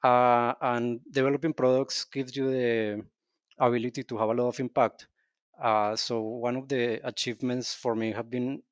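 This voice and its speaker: A man speaks as a podcast guest, thoughtful and measured, sometimes restarting a phrase. His voice sits at a middle pitch. The sound is dry and close, with no room around it. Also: no room sound. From Colombia. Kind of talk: podcast interview.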